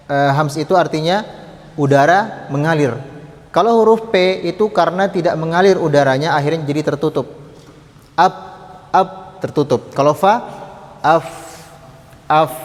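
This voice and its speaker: A man teaching tajwid, patiently demonstrating Arabic sounds slowly and having the class repeat after him. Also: a little high, darkish tone, big-room sound. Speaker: Quran recitation teacher. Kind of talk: tajwid lesson with chanted examples.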